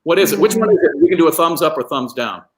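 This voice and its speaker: A man's voice: a little high, expressive, quick pace, slightly rough. A man in his late fifties, a guest in a casual chat, talking in an easygoing, wry way. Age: 50s.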